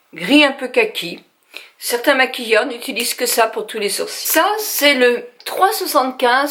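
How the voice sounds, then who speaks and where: A woman's voice: fairly high pitch, a bit bright. An older woman from France chatting through a makeup tutorial at home, talking straight to her viewers with frequent hesitations. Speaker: beauty vlogger.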